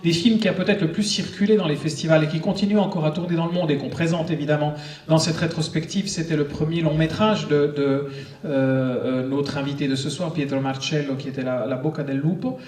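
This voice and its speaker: A man's voice: fairly high pitch, steady tone, fairly quick, a little mellow. A man hosting a film screening, giving a conversational, digressive live introduction as he addresses the public. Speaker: cinema host introducing a screening. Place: cinema auditorium before an audience. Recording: echoey auditorium, distant microphone.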